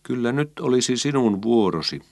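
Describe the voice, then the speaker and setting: A man voices a patient, firm mother in a children's story, sounding gently firm with lively intonation and a slightly mellow, mid-range tone pitched above his own voice yet close to an everyday one. The recording is dry with clean studio sound.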